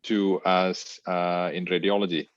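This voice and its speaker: A man's voice: deep voice, flat delivery, no echo. Man on a glitching, breaking-up call. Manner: halting, fragmented speech. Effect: choppy, breaking-up video-call audio that drops out. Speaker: hospital clinician. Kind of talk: online panel discussion. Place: at work in a hospital. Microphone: video call. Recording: dull, dry video-call audio.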